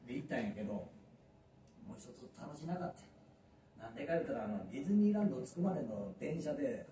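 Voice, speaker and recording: Lively Kansai man doing stand-up. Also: medium pitch, a little fast, long pauses, slight background noise. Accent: Kansai Japanese. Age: 50s. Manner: lively storyteller who acts out voices. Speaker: stand-up comedian. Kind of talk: stand-up monologue. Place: small underground live venue. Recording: echoey room from far off.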